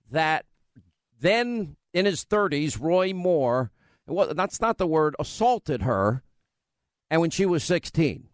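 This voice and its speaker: A man's voice: high voice, clean tone, no room sound. A man from New York with a New York accent, hosting a political talk radio show in an emphatic, conversational way full of rambling asides.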